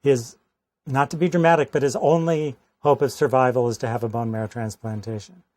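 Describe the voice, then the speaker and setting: Measured American doctor in a dry recording. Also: male voice, mid-range voice, fairly even intonation, darkish tone, dry recording. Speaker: pediatric oncologist. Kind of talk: personal testimonial.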